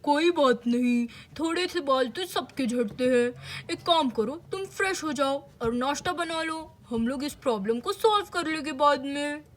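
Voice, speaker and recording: A woman's voice: sits high, lively intonation, normal speed, few pauses. A woman voicing an easygoing husband who mildly scolds his wife, in a doll-play story. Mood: scolding calm.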